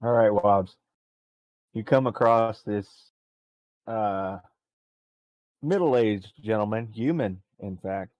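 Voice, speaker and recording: Relaxed male game master, dry sound. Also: fairly low pitch, slow, long pauses, no room sound, muffled recording. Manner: relaxed, joking. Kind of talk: narrating a tabletop game.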